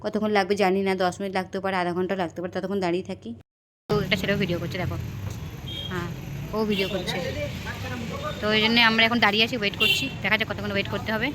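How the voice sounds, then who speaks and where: A woman's voice: mid-range voice, steady tone, rapid-fire, a crowd in the background. A young woman vlogging in a chatty, rambling way, filming on a phone outdoors near a station at night. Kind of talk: casual vlog narration.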